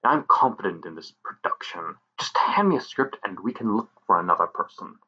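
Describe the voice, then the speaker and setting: A man's voice: low voice, expressive, fairly quick, sharp tone, exaggerated voice. A man voicing an eager, confident male actor who encourages his friend. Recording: muffled lo-fi recording.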